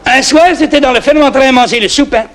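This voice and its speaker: A man's voice: very high voice, fast, faint music behind, voice pushed up. A man playing a blustering Flemish farmer in a cabaret comic monologue. He speaks broken French with a Flemish accent and sprinkles it with Flemish oaths and a constant "hein". The voice comes from an old 1960s record.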